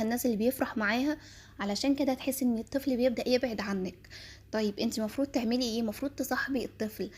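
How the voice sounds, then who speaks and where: A woman's voice: on the high side, a little mellow, slightly rough. A woman with an Egyptian accent giving earnest parenting advice, speaking directly to mothers. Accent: Egyptian Arabic.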